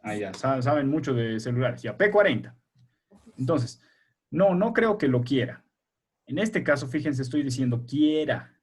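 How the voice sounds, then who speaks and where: A man with a husky, slightly breathy voice teaches a primary school class over a video call. He explains patiently, one step at a time, and keeps checking with his pupils through questions. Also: medium pitch, a little mellow.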